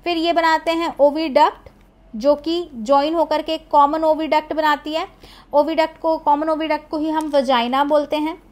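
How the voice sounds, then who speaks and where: A woman's voice: sits high, fairly even intonation, moderate pace. A woman with an Indian accent teaching biology in an exam-prep lecture, explaining step by step, repeating key terms and checking that students follow. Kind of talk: exam-prep lecture, mixing Hindi and English.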